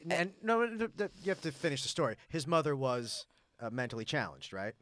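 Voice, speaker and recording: A man's voice: mid-range voice, big pitch swings, brisk, a bit bright, dry recording, studio quality. A man in comedic podcast chat, bantering and making provocative jokes. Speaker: podcast co-host.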